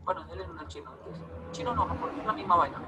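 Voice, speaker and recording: A man from Bogotá with a high-sitting voice races through his words against a noisy background. Speaking Bogotá Colombian Spanish, he tells stories to an audience with irony, animatedly acting out the people in them.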